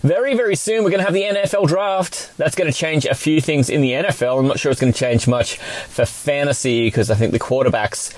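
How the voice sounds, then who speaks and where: A man's voice: a little high, brisk. An Australian man hosting a casual sports podcast, chatting in an informal, matey way. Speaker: podcast host.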